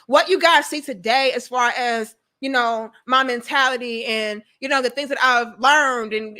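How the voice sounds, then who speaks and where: A young woman from St. Louis, Missouri, with a fairly high, sharp-toned voice and a local accent, hosts a livestream offering relationship commentary. She talks informally and bluntly to viewers, emphatic and repetitive with phrases, swearing freely.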